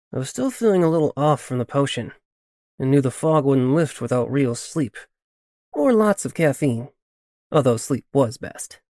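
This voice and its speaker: A man narrating a fantasy audiobook in the first person, steady and even in his storytelling. His voice sits at a middling pitch, recorded dry and close with no room sound. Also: dry recording.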